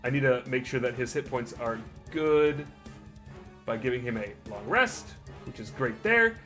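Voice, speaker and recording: Male game master, bright and slightly high voice, cussing his way through combat, faint music behind. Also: expressive, unhurried. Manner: brash and profane, explaining rules. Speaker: dungeon master. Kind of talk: narrating a tabletop game.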